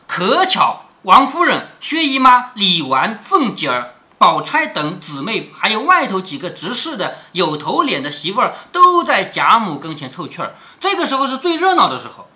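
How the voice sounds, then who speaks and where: Lively man explaining a classic novel. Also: sits high. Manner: rhetorical, keeps asking "isn't it?" and explaining old words. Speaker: father reading a classic novel to his daughter. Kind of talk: explanatory storytelling.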